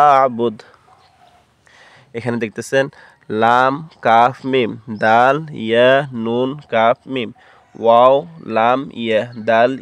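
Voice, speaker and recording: A man teaching Quran reading, spelling out letters and vowel marks one by one and then chanting the words slowly and drawn out. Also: medium pitch, smooth, no echo. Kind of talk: slow spelled-out Quran recitation lesson.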